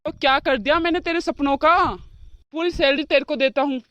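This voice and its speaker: A woman's voice: high-pitched, steady tone, a little fast, fairly bright tone, no echo, dull audio. A woman voicing a grumbling young husband in a cartoon, who scolds his wife with exasperation. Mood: exasperated. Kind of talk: cartoon voice acting.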